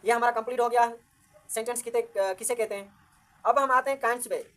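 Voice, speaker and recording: A woman's voice: fairly high pitch, steady tone, fairly quick, a bit bright. A woman teaching a grammar lecture, patiently repeating each point and counting words aloud as she explains.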